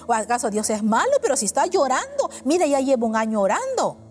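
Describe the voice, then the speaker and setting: A woman's voice: sits high, big pitch swings, fast talker, long reverb tail. A woman preaching a sermon to her congregation, earnest and full of rhetorical questions.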